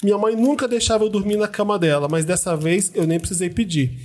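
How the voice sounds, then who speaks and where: A man with a Brazilian Portuguese accent, hosting a podcast and reading listener ghost stories aloud in a measured, dramatic way. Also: sits high, steady tone, darkish tone. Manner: reads letters in a measured, dramatic way. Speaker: podcast host.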